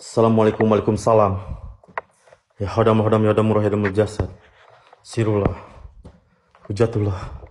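A man's voice: fairly low pitch, level tone, normal speed, long pauses, darkish tone, a little hiss or hum. A man with livestreaming a ghost hunt in an abandoned house at night, jumpy, swearing and muttering prayers. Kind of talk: live ghost-hunting stream.

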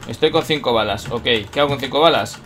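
A young man from Spain with a Spanish accent, commenting on his own gameplay and talking to himself, excitable and swearing often. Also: mid-range voice, brisk, slight background noise. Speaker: gaming YouTuber.

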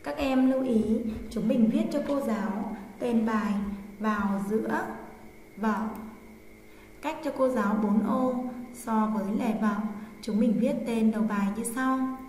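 Echoey woman teacher dictating slowly. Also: a little high, a little mellow. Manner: dictating slowly, phrase by phrase with repetition. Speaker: primary school teacher. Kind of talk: dictating a passage to pupils for writing practice. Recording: echoey, reverberant room with background noise.

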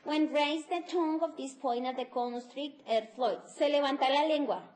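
A woman's voice: high voice, a little slow, darkish tone. A middle-aged woman, teaching an English phonetics class on TV and explaining sounds step by step, mixing in English. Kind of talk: televised class lecture.

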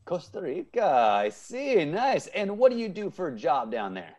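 A man in his thirties, an improv teacher, hosts a playful game show over a video call from a room at home. His darkish voice sits a little high and swoops wildly in pitch at a moderate pace. He stays upbeat and often repeats answers back.

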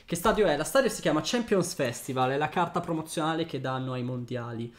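A man's voice: fairly high pitch, expressive, brisk. A man streaming a card game, explaining plays in a joking, rambling way full of fillers. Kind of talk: casual gaming stream chat.

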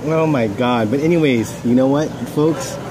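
A man's voice: medium pitch, moderate pace, crowd noise. A man co-hosting a casual show at an outdoor racetrack terrace, bantering loosely and swearing. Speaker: podcast co-host. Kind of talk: casual chat. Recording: outdoor noise in background.

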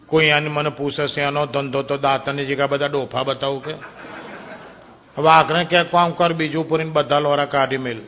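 A man with a Gujarati accent telling folk jokes in a lively storytelling manner, acting out the people in his stories. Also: medium pitch, in a large hall, slight background noise. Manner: lively storyteller, acts out quoted characters.

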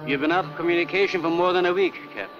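A man's voice: sits high, steady tone, rapid-fire, muffled recording, over music, lightly acted. An actor playing a middle-aged male scientist who talks politely and lectures earnestly, in 1950s film style. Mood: courteous. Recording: long hall reverb, 1950s film soundtrack.

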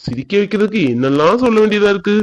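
A man voicing a doting young village man in a cartoon, gentle and coaxing. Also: high-pitched, expressive, very fast, heavy background noise. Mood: soothing. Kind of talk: cartoon voice acting.

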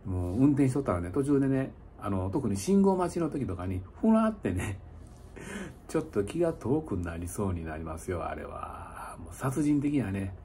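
This middle-aged man has a fairly low, warm voice with big pitch swings and a normal speed, plus a Kansai accent. A motorcycle touring vlogger, he's slightly tipsy after an hour of drinking and chats loosely to viewers like a livestreamer, chuckling and digressing, in a small indoor lodging room with noticeable room noise.

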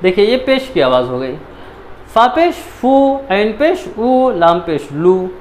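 Male Quran reading teacher, high voice, patient syllable-by-syllable drilling, faint background hiss. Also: big pitch swings. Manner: patient, repeats syllables slowly, frequent "theek hai". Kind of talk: step-by-step recitation lesson.

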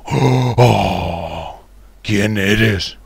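A man with a deep voice playing a character in a children's music lesson, speaking slowly and expressively to young viewers. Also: vocal fry, heavy background noise, heavily acted. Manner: slow, exaggerated teacher-like speech to children. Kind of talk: children's educational acting.

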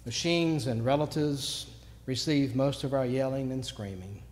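A man preaching a sermon, telling stories and moving between quiet asides and sudden loud bursts. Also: medium pitch, a little slow, a little hiss or hum. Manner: storytelling, swings from quiet to shouting. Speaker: pastor. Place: church sanctuary. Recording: long church reverb.

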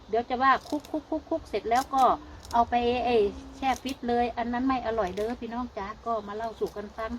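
A woman's voice: fairly high pitch, background noise. Chatty older Isan-accented woman vlogger. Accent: Isan (northeastern Thai). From Thailand. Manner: chatty, folksy, homespun. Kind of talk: casual chat to viewers.

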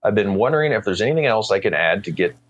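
A man with a fairly low voice hosts a casual podcast. He talks in a laid-back, rambling way, full of slang and filler. He reads listener questions out loud. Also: lively intonation, fast talker. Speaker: podcast host. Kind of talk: casual chat.

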